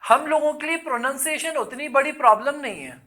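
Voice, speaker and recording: A man's voice: very high-pitched, brisk, bright, forceful tone. A male English exam teacher giving a casual online lesson, chatty, slipping English words into his Hindi and calling viewers "son". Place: in Hyderabad.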